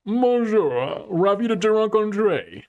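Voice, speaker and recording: A man's voice: very high-pitched, level tone, normal speed, mellow, dull audio, pitched above the performer's own voice. A man doing a courteous, refined teenage boy. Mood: polite. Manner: formal, courteous. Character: polite, refined teenage boy, soft-spoken.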